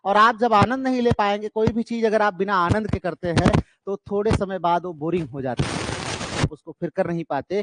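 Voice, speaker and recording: A man teaching an exam-prep lecture who keeps asking questions and answering them himself, repeating key terms for emphasis. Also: high voice. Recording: noisy background.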